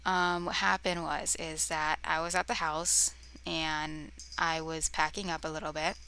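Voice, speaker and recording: A young woman tells ghost stories in a loose, rambling way, full of fillers and sudden dips into a whisper. Her voice is bright with a gravelly edge. She records on a cheap camera mic in her room at home. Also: low-pitched, level tone, a little slow. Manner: rambling, many fillers, often drops to a whisper; easily distracted, talks to her cat. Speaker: vlogger. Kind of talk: casual storytelling to camera. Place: bedroom near a road, windows open.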